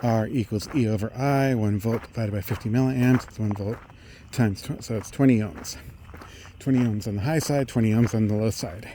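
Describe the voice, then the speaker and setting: A middle-aged man thinks aloud in a halting technical monologue while walking outdoors along a road. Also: on the low side, warm tone. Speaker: vlogger. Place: outdoors on a residential roadside. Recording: outdoor street noise, passing vehicles.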